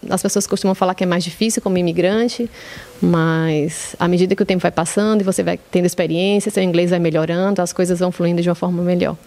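A woman's voice: lowish voice, a little mellow. A woman in her late thirties with a Brazilian accent, answering conversationally as a podcast guest. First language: Portuguese. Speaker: podcast guest, social media coordinator.

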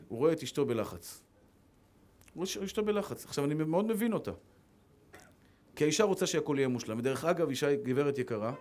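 A man's voice: a little high, darkish tone. A middle-aged man, a rabbi, preaching a religious lesson with emphatic repetition. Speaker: rabbi giving a Torah lesson. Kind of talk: religious sermon.

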